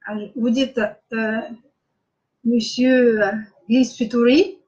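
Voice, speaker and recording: A middle-aged woman with a Russian accent leads an online masterclass in a slightly high voice. She talks very slowly and hesitantly, filling gaps with drawn-out pauses. The stream audio sounds dull and lo-fi. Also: steady tone, darkish tone. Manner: slow, hesitant, with many filler pauses, greeting viewers by name. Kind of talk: live-streamed lecture.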